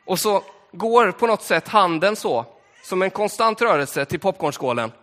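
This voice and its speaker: Man, pastor, church sermon, chatty storytelling, high bright voice, long hall echo. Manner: conversational, relaxed storytelling with fillers.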